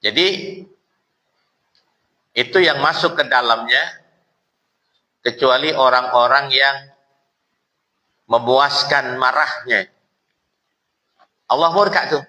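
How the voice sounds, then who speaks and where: A man's voice: mid-range voice, slow pace, long pauses, low-quality recording. A male preacher, giving a casual, jokey sermon at a mosque study circle. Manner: lively, jokey, colloquial, acts out quotes.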